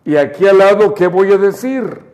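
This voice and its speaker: A man from Mexico teaching an English grammar lesson in Spanish, laying out each step and repeating example sentences slowly for his students. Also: high voice, expressive, a little mellow. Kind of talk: slow, deliberate grammar lesson.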